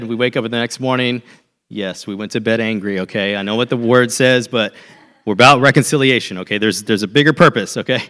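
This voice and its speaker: A man's voice: mid-range voice, fairly bright tone. A man in his thirties preaching a sermon as a pastor, telling a personal story in a conversational way and checking in with "okay?" often.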